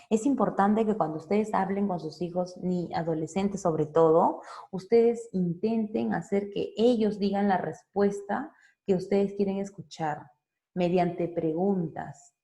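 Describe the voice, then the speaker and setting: A woman's voice: medium pitch, mellow. A woman psychologist, giving an informal talk for parents, explaining step by step and often checking in with tag questions. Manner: conversational, frequent tag questions.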